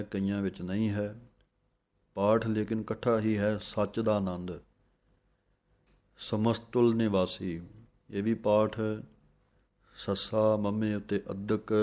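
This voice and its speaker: Male recitation teacher, low and level voice, unhurried, alternating slow chanting with brisk spelling notes. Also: darkish tone. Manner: chants verses slowly, then explains spelling quickly and plainly.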